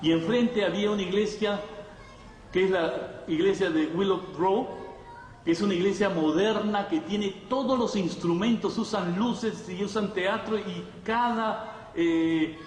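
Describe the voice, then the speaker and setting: Teaching his congregation at a measured pace, a man whose voice sits high and a bit mellow asks rhetorical questions and keeps checking in with listeners in a conversational sermon. A distant microphone captures him in an echoey hall, with faint noise.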